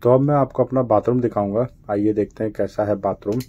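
Low-voiced man giving a cabin tour. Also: steady tone, fairly quick, mellow, breathy edge, highs cut off. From India. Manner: explanatory, pointing things out step by step. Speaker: cruise ship crew member showing his cabin. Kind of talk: casual vlog tour. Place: small ship cabin bathroom, indoors.

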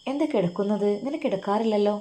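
A woman's voice: mid-range voice, fast, warm tone, natural voice. A woman voicing a loving, emotional middle-aged mother who fusses tenderly over her daughter. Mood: fussing. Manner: doting, fussing, tearful.

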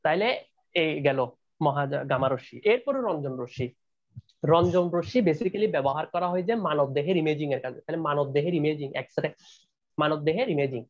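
A man's voice: fairly high pitch, brisk, highs cut off. A young man teaching a chemistry class online, repeating key points and often checking that his students are keeping up.

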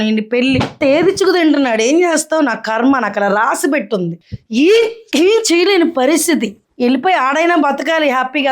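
Lady acting as a very high-voiced angry wife, yells fast at her husband. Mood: bitter. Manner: shouting, quarrelsome. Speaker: actor. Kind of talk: Telugu short film acting.

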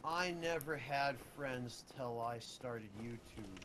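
A man chatting casually while gaming, sounding sleepy and slurred, with deadpan jokes. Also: mid-range voice, slow. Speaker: co-host of a game chat. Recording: noisy recording.

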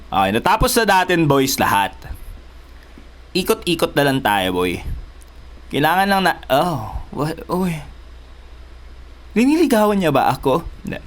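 A man doing let's play commentary, excitable, yelping and shouting in panic, mixing Tagalog and English. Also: a little high. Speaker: gaming YouTuber.

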